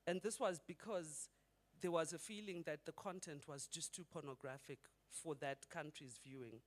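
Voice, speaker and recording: A man's voice: fairly high pitch, moderate pace. A middle-aged man from Zimbabwe giving a conversational conference talk and putting rhetorical questions to the audience. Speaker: conference speaker.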